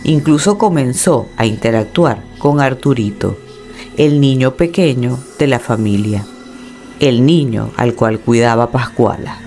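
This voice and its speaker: A man narrating a true horror tale in a measured, dramatic way. His mid-pitched voice has a gravelly, creaky edge. Soft music runs beneath it. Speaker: storyteller.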